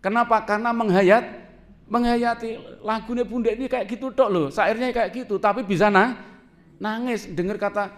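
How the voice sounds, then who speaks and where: A male preacher gives a conversational sermon. His voice sits a little high for a man, and he keeps throwing questions to the audience and laughing along with them. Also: fairly even intonation, moderate pace. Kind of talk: sermon to a congregation.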